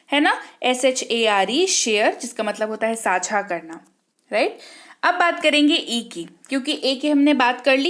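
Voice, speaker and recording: A woman teaching an online spelling lesson who asks the class questions and answers them herself, spelling out words slowly and repeating them. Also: a little high, a bit bright. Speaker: English teacher.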